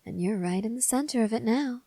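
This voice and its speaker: A woman playing a cynical, taunting gang member in an ASMR role-play, speaking in a sardonic, teasing, unhurried way. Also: fairly high pitch, warm tone, dry recording. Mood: sardonic, ominous.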